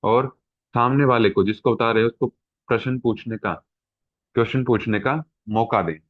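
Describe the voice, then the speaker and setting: At a normal speed and mid-range pitch, the middle-aged teacher walks students through exam material, dropping English terms and often asking "ठीक है." The sound is thin and phone-like, completely dry.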